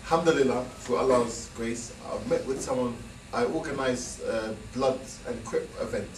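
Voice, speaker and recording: A man's voice: medium pitch, moderate pace. Frank, rambling man in an echoey hall. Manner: frank, rambling, with laughing asides. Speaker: guest speaker telling his story. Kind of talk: casual storytelling talk. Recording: echoey hall, distant mic, noisy.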